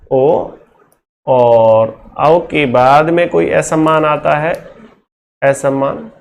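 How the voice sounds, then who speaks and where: Guy teaching a class, unhurried, kinda high voice, keeps asking "clear?" and checking in. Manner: explains step by step with constant rhetorical questions to students. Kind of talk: classroom lecture.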